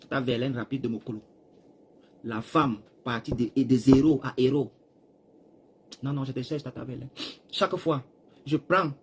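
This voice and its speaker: A Cameroonian man rambling through a live stream, talking straight to his viewers and swinging between loud bursts and hushed asides while seated. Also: mid-range voice, steady tone, normal speed, long pauses, slight background noise. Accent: Cameroonian French. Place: seated, chair.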